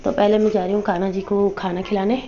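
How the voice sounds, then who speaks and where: A woman in her thirties with a hoarse voice, chatting casually to viewers in a home vlog. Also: medium pitch, level tone, fast talker. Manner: chatty, addresses viewers directly. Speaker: vlogger. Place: at home, indoors. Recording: slightly dull lo-fi phone audio with faint noise.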